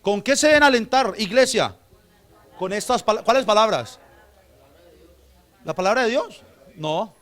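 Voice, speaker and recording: High-voiced pastor preaching. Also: male voice, sing-song, moderate pace. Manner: swings between hushed asides and loud fervent preaching; addresses the congregation directly with frequent questions. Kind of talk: sermon. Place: church.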